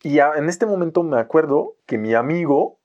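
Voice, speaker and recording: A young man from France with a French accent, a photographer telling an animated story in a podcast conversation and mixing in Mexican slang. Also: a little high, moderate pace, dull audio. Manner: animated, playfully acts out other people's lines in raised voices, uses Mexican slang. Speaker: photographer guest.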